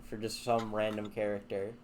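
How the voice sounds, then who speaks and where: A man's voice: fairly low pitch, completely flat delivery, normal speed, a little mellow, a little hiss or hum. A man chatting casually as host, rambling with filler words and laughs, swearing lightly. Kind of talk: casual chat.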